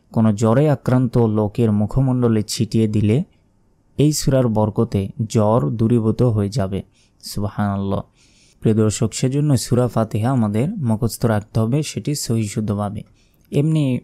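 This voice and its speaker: A man with a Bangladeshi Bengali accent teaching correct Quran recitation, explaining slowly and deliberately with drawn-out chanted examples. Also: on the low side, warm tone. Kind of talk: religious recitation lesson.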